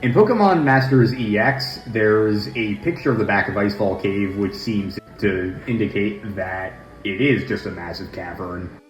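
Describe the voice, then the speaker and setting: A man's voice: fairly low pitch, moderate pace, faint music behind. A man giving casual, joking gameplay commentary as a let's play host, recorded in a large, echoey room at home. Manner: joking, chatty asides.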